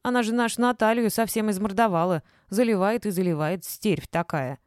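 A woman's voice: medium pitch, fairly quick, no room sound, clean studio sound, pitched above the performer's own voice, natural voice. A woman reading an audiobook, voicing a nosy, scolding old woman who gossips about a neighbor. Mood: indignant. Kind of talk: audiobook character voice.

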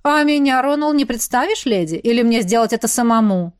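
A woman's voice: on the high side, lively intonation, brisk, smooth, no room sound, studio quality, lightly acted. A woman voicing a sly, flamboyant male baron who drawls and teases. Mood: drawling. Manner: drawling, teasing.

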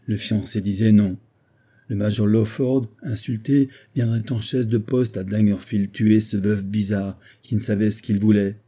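Low, husky male audiobook narrator. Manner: measured, steady storytelling. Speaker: audiobook reader. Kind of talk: scripted narration of a classic novel.

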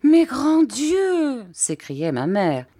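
A woman reading an audiobook, voicing a young widowed mother who breaks into bright, high exclamations. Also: slow, no room sound, studio quality. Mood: distressed.

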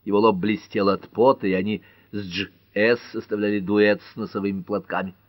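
A man narrating a detective audiobook in an expressive storytelling manner. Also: on the low side, a little fast, dry recording, dull audio.

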